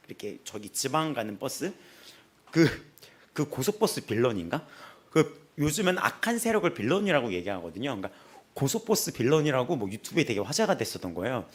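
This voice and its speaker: A male senior pastor preaching a sermon in a lively storytelling manner, laughing often. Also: mid-range voice, husky. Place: church sanctuary.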